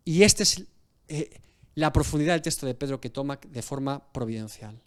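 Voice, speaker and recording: A man's voice: mid-range voice, normal speed. A male pastor giving an expository sermon, telling the story with animation and acting out scenes. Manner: animated storytelling, acts out scenes, laughs often.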